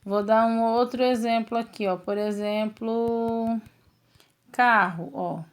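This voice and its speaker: A woman's voice: fairly high pitch, fairly even intonation, unhurried, mellow, clear, resonant tone. A woman teacher with a Brazilian Portuguese accent, patiently walking pupils step by step through a textbook exercise and checking in with them often. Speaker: schoolteacher. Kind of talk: recorded remote lesson going through a textbook.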